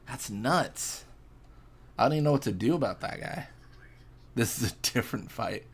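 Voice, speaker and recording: A man's voice: mid-range voice, animated, moderate pace, gravelly, slightly rough. A young man casually chatting and reacting while streaming a fishing game, laid-back and rambling as he answers chat.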